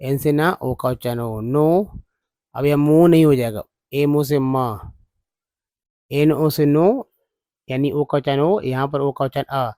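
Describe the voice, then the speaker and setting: A male tutor walks through English spelling letter by letter, sounding out each piece at an unhurried, deliberate pace. He repeats words again and again for his students. His voice sits at an ordinary pitch and sounds close and dry. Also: warm tone, dry recording. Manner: slow, repeats each sound many times. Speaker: English teacher. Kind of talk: spelling and pronunciation lesson.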